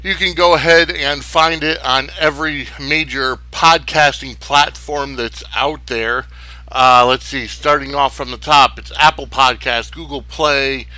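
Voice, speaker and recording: A man's voice: medium pitch, fairly even intonation, a little slow, bright, forceful tone, no echo, rough recording. A man hosting a sports podcast solo, talking casually in a rambling, opinionated way. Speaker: sports wrestling podcast host.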